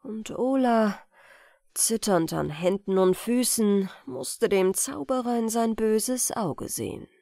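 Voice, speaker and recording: A woman narrating a bedtime fairy tale audiobook in a calm, measured storytelling voice. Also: a little high, creaky, no room sound, studio quality.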